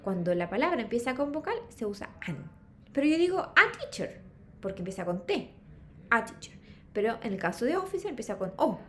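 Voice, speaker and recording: A woman's voice: fairly high pitch, big pitch swings, brisk, darkish tone, a little hiss or hum. A woman teaching an English class, checking in constantly with her students. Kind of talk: online class lecture.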